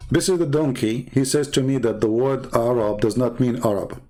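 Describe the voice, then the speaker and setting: A man's voice: moderate pace, darkish tone. Scornful man. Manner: mocking, scornful, swings between low mutters and high exclaims. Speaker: online debater. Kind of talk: heated ranting monologue.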